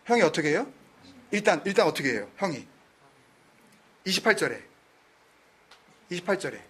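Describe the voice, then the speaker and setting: A man's voice: high voice, big pitch swings, normal speed, a bit bright, breathy edge. A man teaching a Bible study in a conversational way, mixing in English words and keeping his listeners answering his questions. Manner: keeps quizzing his listeners.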